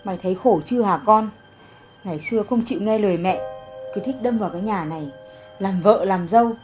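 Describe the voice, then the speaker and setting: An actress playing an older rural grandmother, gentle and pleading with her hosts and protective of her daughter. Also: mid-range voice, brisk, natural voice. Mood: indignant care. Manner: gentle and pleading, turning indignant. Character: caring rural grandmother, the bride's mother. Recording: music underneath.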